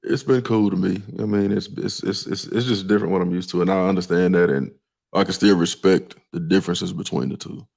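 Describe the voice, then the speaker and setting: Deep gravelly Southern man, laid-back. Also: quick pace, darkish tone. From Texas. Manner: laid-back, loose, keeps saying "you know what I mean". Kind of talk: casual chat.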